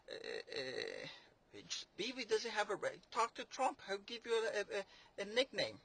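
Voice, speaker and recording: Male commentator, sarcastic and rambling, with a bright, tense tone that sits high. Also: vocal fry, slightly rough. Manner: rambling, mocking, many fillers and restarts. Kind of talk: sarcastic political monologue.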